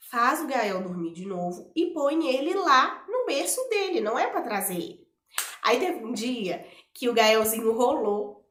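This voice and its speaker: A woman with a Minas Gerais accent, telling a family story to camera in a chatty, animated way with many fillers. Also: medium pitch, reverberant. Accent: Minas Gerais Portuguese. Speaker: vlogger and mother.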